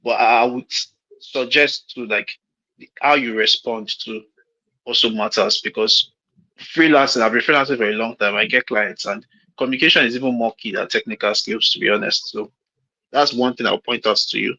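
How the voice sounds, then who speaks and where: A Nigerian-accented man in his late thirties hosts a call as a mentor, offering frank, rambling career advice and often restarting sentences. His voice is medium-pitched and sharp at a moderate pace, heard through lo-fi call audio.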